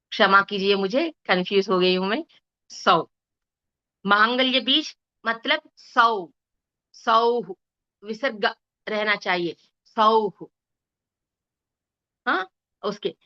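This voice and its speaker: A woman teaching a spiritual text in a slow, explanatory way, often hesitating and correcting herself. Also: on the high side, sharp tone, dull audio.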